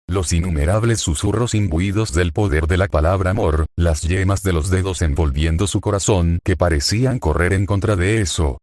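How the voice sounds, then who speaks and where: A man narrates a fan fiction story in a steady, even reading voice. His pitch is very low. The recording is dry and close, with no room sound. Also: dry recording. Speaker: fanfic reader. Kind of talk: scripted narration.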